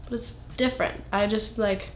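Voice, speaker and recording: A woman's voice: mid-range voice, fairly even intonation, moderate pace, reverberant, a little hiss or hum. A young woman in her twenties, a singer being interviewed, talking in a rambling, self-interrupting way with lots of fillers. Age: 20s. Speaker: singer-songwriter guest. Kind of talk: casual interview.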